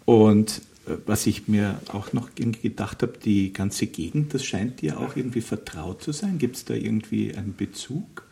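Gravelly, hesitant interviewer. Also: medium pitch, normal speed, few pauses, mellow, a little hiss or hum. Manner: hesitant, casual questioning.

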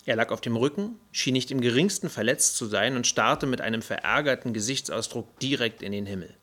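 A man reading a first-person audiobook story in an even, measured way. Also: mid-range voice. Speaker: audiobook narrator. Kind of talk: first-person scripted narration.

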